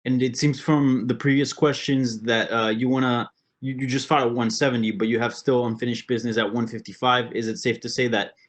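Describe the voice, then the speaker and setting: Male reporter with a mid-pitched voice. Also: steady tone, brisk. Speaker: sports reporter. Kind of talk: press conference questioning.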